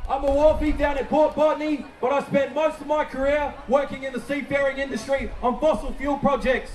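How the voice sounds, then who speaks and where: A man, a dock worker and union member, shouting a defiant speech at a rally. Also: very high voice, fairly even intonation, a little fast, a faint crowd. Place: outdoor rally. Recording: roomy, distant outdoor rally recording.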